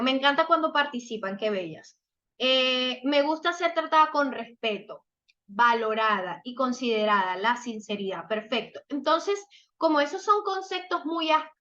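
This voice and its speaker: High, bright-voiced woman teaching a live workshop. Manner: animated, emphatic, asks listeners if they follow. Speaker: family counselor leading an online workshop. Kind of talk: live-streamed workshop talk reading chat comments. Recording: slightly dull, lo-fi stream audio.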